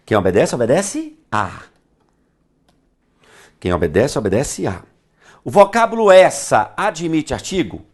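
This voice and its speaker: A middle-aged Brazilian Portuguese man lectures on grammar, his pitch swinging widely from low to high. He plays to the class, calling on them directly and chanting key phrases back and forth. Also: big pitch swings, measured pace, long pauses. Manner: theatrical, talks to the class directly and repeats phrases in a singsong. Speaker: grammar teacher. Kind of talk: animated classroom lecture to camera.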